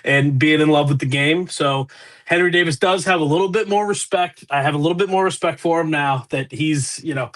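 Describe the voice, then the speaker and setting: A young man with a Pittsburgh accent co-hosting a casual sports podcast, loose and excitable, laughing often. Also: a little high, brisk. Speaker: podcast co-host.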